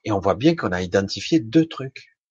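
Man, informal self-development speaker, husky voice, animated pitch, blunt and colloquial, dry lo-fi recording. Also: normal speed, dry recording. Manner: colloquial and blunt, with mild swearing, acts out inner voices. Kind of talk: informal motivational talk addressed to the listener.

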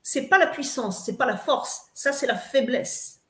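Cast note: emphatic woman coach, high voice, roomy echo, lecturing with frequent fillers. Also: animated, a little slow. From eastern France. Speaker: spiritual coach guest. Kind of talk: live advice talk.

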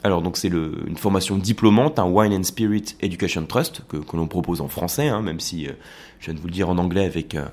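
Low-voiced man explaining at length. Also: fast, a little mellow. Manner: explanatory, hesitant with many fillers. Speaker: wine educator and podcast host. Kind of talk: casual educational podcast monologue.

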